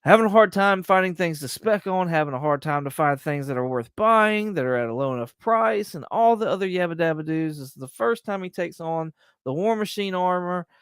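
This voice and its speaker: A man's voice: high voice, animated, a little fast, fairly bright tone, smooth, dry recording, clean studio sound. A man hosting a livestream, giving casual, slangy top ten countdown commentary. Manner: informal, slangy. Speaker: livestream host.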